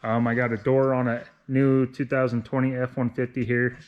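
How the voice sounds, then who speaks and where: A vinyl wrap installer in his thirties presents a how-to video from an indoor garage workshop, informally explaining each step as he works. His medium-pitched voice is level and moderately paced, with a slight lisp from braces. A camera on a tripod a short distance away gives a muffled, echoey recording with clear background noise and clicks.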